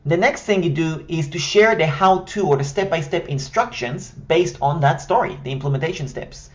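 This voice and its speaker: The audio is dull as an Israeli man with a fairly high pitch and lively intonation talks at normal speed. With his Israeli accent and native Hebrew, he gives a direct, structured, scripted tutorial that builds an online course step by step.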